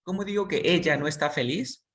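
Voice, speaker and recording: An English teacher, giving a basic lesson and slowly drilling each word with students. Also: mid-range voice, a bit bright, far from the mic. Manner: slow and patient, repeats each word for students.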